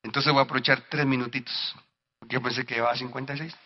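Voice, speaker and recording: A male pastor preaching a sermon, speaking directly to the congregation and rising to shouts at his peaks. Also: medium pitch, level tone, fast talker, muffled recording.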